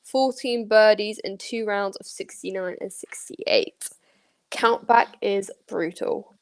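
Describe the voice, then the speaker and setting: A woman co-hosts a golf podcast in easy, upbeat chat. She talks with enthusiasm and drops in plenty of casual fillers. Her voice sits at an ordinary pitch. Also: takes it slowly. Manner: enthusiastic, uses "like" a lot. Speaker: podcast co-host.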